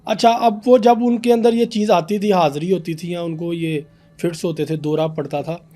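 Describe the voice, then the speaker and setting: A young man, a podcast guest telling an animated story about a paranormal case. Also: sits high, moderate pace, faint music behind. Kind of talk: casual storytelling in a podcast interview.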